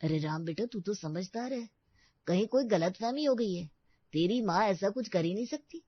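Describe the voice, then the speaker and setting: A mild, placating older father from a cartoon drama, as a woman puts him on, with a husky, breathy voice. It is recorded dry and sounds a little dull. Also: mid-range voice, animated, normal speed, no echo. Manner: soothing, placating.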